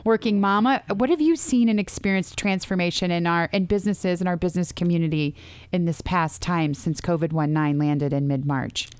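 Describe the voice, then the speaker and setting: A woman's voice: fairly low pitch, brisk, clear, resonant tone, dry recording. A woman hosting a conversational show in an emphatic, affirming, motivational way, rolling her R's. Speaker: show host. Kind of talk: warm conversational interview talk.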